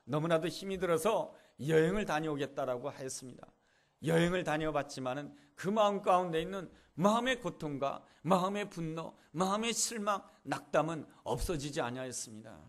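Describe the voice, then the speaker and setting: A man's voice: fairly high pitch, expressive, a little fast. A male pastor preaching a sermon, telling a story with earnest, repetitive emphasis.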